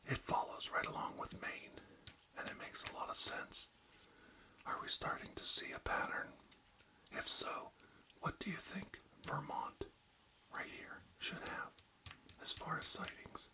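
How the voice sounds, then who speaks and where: A man hosting ASMR in a very close, breathy whisper with deliberate phrasing into a binaural microphone. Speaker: ASMR host.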